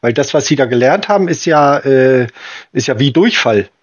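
A man in an informal phone conversation, blunt and insistent, often repeating himself, with a husky voice. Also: mid-range voice, animated, normal speed. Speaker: prank caller baiting scammers. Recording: slightly dull, lo-fi call audio.

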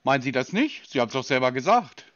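A man's voice: mid-range voice, very animated, quick pace, fairly bright tone, no room sound, lo-fi sound. A man on a call, answering with dry, skeptical, needling questions. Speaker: call recipient.

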